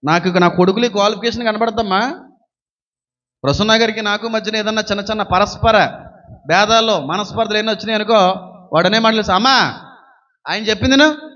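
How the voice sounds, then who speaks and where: A man's voice: high-pitched, fairly even intonation, a little fast, pauses often, bright, forceful tone. A man preaching a sermon in a dramatic way, acting out family quarrels in raised voices. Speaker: pastor. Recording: dull sound with long hall reverb.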